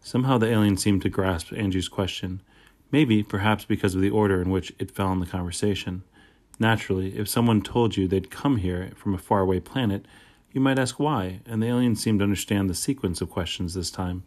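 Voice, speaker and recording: A man narrating a children's chapter book aloud, telling the story in the first person. His voice sits on the lower side. The storytelling is steady and plain. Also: a little fast. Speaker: audiobook narrator.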